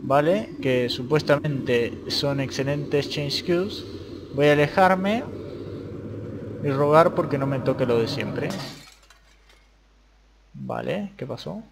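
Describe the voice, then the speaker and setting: A young man with an Argentine Spanish accent talks his way through a Minecraft survival run. His voice sits somewhat high, and he swings from low muttering to sudden excited shouts as things go wrong. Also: slow pace, creaky, pauses often, background noise. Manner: excitable, jumps between mutters and high yelps. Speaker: gaming youtuber. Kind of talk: casual Minecraft let's play commentary.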